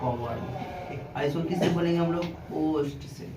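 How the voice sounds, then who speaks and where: Fairly high-voiced man teaching in an echoey room. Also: unhurried. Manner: asks questions and repeats the answers himself. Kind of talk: classroom grammar lesson. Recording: echoey room with clear background noise.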